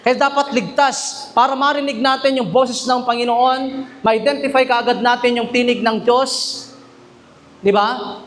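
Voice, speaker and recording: Pastor guy preaching, really high pitched voice, keeps checking in w the crowd. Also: steady tone, fairly bright tone. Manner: mixes English and Tagalog, often asks the congregation questions, reads verses slowly. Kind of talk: sermon. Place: church chapel.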